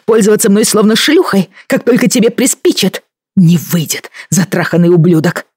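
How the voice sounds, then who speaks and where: A defiant young woman and former nurse, voiced by an audiobook reader speaks with heated indignation that flares into outright shouting. The sound is close and dry. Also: lowish voice, animated, moderate pace, slightly rough, no room sound. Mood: indignant.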